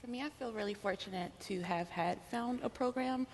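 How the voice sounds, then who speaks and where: A young woman panelist telling her story thoughtfully, hedging with "I guess" and pauses. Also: medium pitch, slight background noise. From Maryland, United States. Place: conference hall. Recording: roomy hall, faint ambience.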